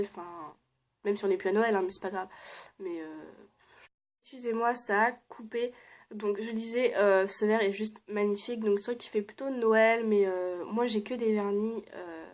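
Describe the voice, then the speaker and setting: A young woman chatting casually as she shows things to her viewers, with many fillers and frequent laughs. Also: medium pitch. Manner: chatty, many "euh" fillers, laughs often, drops to soft murmurs. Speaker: beauty vlogger. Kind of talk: casual show-and-tell vlog.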